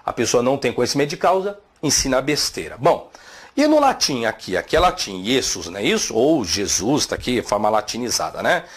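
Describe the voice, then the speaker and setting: A man's voice: medium pitch, sing-song, fairly quick, breathy edge. A man teaching theology, rebutting a video with emphatic rhetorical questions.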